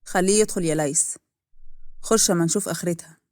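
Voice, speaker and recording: A woman voicing a calm, fatherly man with an Egyptian accent, speaking in a soothing, reasonable way. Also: high voice, quick pace, dry recording, studio quality, close to an everyday voice. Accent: Egyptian Arabic. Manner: calming, reasonable. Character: calm fatherly older man, head of house.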